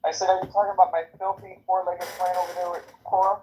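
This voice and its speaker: A man's voice: sits high, flat delivery, fast talker, warm tone. A man speaking in a casual group voice chat, teasing, his voice muffled as if heard through a wall. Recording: muffled, dull, roomy phone audio.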